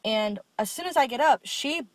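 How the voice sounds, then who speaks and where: A woman's voice: high-pitched, expressive, normal speed, no room sound. Candid young woman swearing through stories. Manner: candid, swears freely, storytelling. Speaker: podcast co-host. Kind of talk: casual podcast chat.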